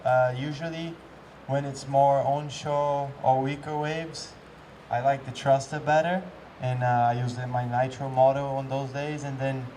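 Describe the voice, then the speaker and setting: Male windsurfer at a Q&A, mellow tone, halting delivery, recorded from a distance with faint noise behind. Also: medium pitch. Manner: hesitant, many fillers and restarts. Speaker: pro windsurfer answering questions. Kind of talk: casual Q&A answers.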